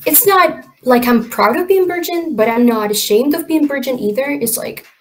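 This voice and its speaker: A woman in her twenties talks on a video chat from a room at home. Her voice sits a bit high. She is expressive and argues her point with energy. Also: normal speed, a little hiss or hum. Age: 20s. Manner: expressive, animated, argumentative. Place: room indoors.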